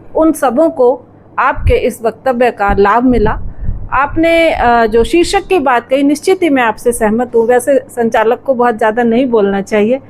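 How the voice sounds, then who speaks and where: High-voiced woman moderating a literary talk. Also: a little hiss or hum, low-quality recording. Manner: appreciative, thoughtful, speaks at length.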